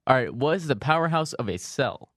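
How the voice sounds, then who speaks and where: Young guy doing a quick-fire interview, voice jumps all over, teasing, dry sound. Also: medium pitch, expressive, fairly bright tone, dry recording. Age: young adult. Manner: teasing, fires off quick questions. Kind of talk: casual rapid-fire Q&A.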